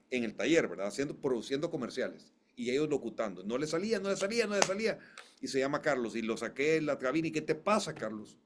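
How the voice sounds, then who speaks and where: A man's voice: fairly high pitch, darkish tone. A man who works as a voice coach, talking in an interview. He speaks emphatically, repeats phrases and often restarts his sentences. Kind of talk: conversational interview storytelling.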